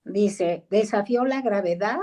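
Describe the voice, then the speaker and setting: A woman's voice: medium pitch, noisy background. A middle-aged woman with a Mexican Spanish accent teaching a discipleship class over a video call, talking in a conversational way and acting out the voices she quotes. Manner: conversational, acts out quoted voices, pauses to ask people to mute. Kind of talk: online Bible class teaching.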